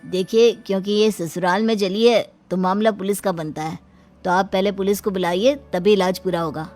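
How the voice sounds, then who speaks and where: A woman's voice: mid-range voice, fairly even intonation, normal speed, a little mellow, lightly acted. A woman voicing a stern, suspicious hospital doctor who admonishes people, in a cartoon moral story. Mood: stern warning. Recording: music under the voice.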